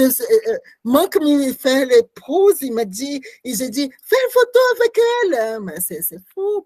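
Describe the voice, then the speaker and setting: Non-native woman artist in a conversational interview, unhurried and hesitant, often groping for words. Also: fairly high pitch, a little mellow, no echo. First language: not French. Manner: halting, searching for words, many restarts. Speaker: artist describing her performance.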